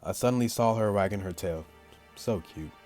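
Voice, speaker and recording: This YouTuber's let's play has him voicing a visual novel's lines and cracking slangy asides, with the game's music underneath. His lowish voice is a bit mellow and moves at a moderate pace.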